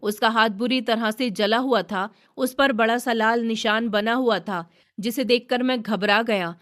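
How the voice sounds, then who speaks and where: A woman reading a first-person story aloud in a steady, earnest narration. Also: on the high side, measured pace.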